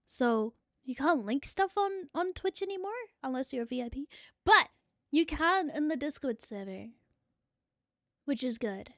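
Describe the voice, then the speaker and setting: A woman's voice: high voice, lively intonation, measured pace, dry recording, studio quality. A young adult woman streaming as a VTuber, chatting playfully with her viewers and swearing casually. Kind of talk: casual livestream chat.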